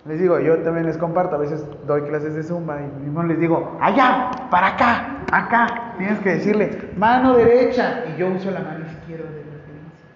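A man with a Mexican accent giving a lively, joking classroom lecture to nursing students and asking the class questions. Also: sits high, slight background noise. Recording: echoey hall, dull lo-fi sound.

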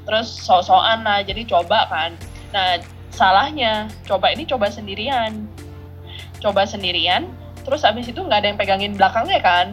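A woman in her thirties telling a childhood story as a podcast co-host, animated and laughing often. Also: medium pitch, moderate pace, faint music behind. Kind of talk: casual storytelling chat.

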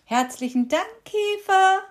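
A woman voicing a hot-tempered female cricket in a children's storybook reading, sharp and emphatic. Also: very high-pitched, wildly swooping pitch, slow pace, pitched above the performer's own voice, full character voice. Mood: eager.

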